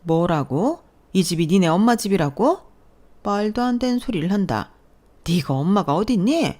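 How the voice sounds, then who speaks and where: A woman's voice: medium pitch, expressive, normal speed, darkish tone, pitched above the performer's own voice, natural voice. A woman voicing a haughty, spiteful older mother-in-law in a storybook drama. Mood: scoffing. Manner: scoffing, disbelieving.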